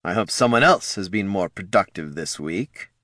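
A man's voice: deep voice, animated, normal speed, fairly bright tone, no room sound, clean studio sound. A man voicing a skeletal undead lich lord who is imperious, sardonic and impatient.

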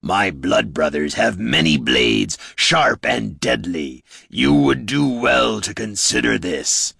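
A hulking orc chieftain, speaking very deep and gravelly. He booms slowly and commandingly, proud and menacing, in a storybook reading. The recording is dry and close. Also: expressive, bright, forceful tone, no echo, exaggerated voice. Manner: slow, booming and commanding. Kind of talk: audiobook character voice.

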